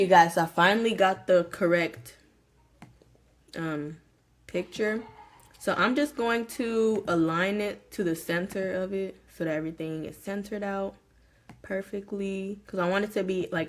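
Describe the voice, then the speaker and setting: A woman's voice: medium pitch, measured pace, pauses often. A young woman casually explaining a do-it-yourself craft project at home, talking to viewers in a chatty way with lots of fillers. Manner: chatty, filler-heavy, addresses viewers as y'all and you guys. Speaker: small business owner. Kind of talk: casual tutorial vlog. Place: home room.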